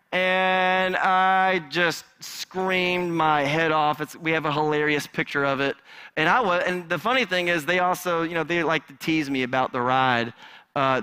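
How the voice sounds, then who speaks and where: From the pulpit of a church sanctuary, an animated male pastor tells a personal story within his sermon in a bright, forceful, clean-toned voice. His pitch sits a little high for a man, and he acts out the voices of the people in the story.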